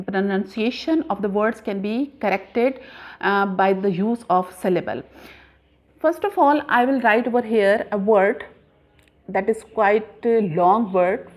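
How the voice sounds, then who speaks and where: A woman teaching a grammar lesson patiently, spelling words out letter by letter with frequent pauses. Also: medium pitch. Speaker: English teacher.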